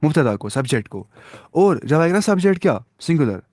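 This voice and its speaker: A man's voice: a little high, big pitch swings, darkish tone, no echo. Guy teaching a language class, asks students questions and says well done a lot, dry close sound. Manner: quizzes students patiently, praises answers; mixes English words into explanations. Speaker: Arabic teacher. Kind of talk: classroom-style language lesson.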